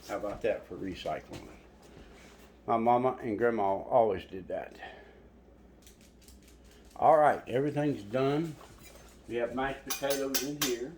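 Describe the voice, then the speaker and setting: A man's voice: medium pitch, a little slow, long pauses, darkish tone, recorded from a distance, a little hiss or hum. A man hosting a home cooking video, folksy and rambling as he talks to his viewers. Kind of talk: casual cooking vlog. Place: home kitchen. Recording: echoey room, voice from off the mic.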